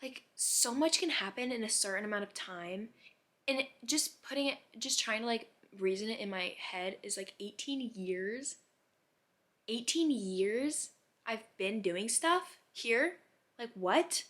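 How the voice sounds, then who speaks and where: This time her voice is fairly high and fairly bright, animated but a little slow. The young vlogger, around eighteen, muses aloud to her viewers in a rambling, reflective way, questioning herself and leaning on "like."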